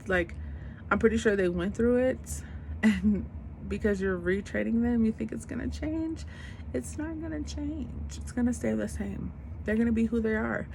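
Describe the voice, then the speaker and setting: Her voice is a little high and gravelly, with a faint hiss or hum in the recording. This twenty-something vlogger is venting in an unscripted rant, blunt and emphatic, using slangy casual speech and repeating herself to drive points home.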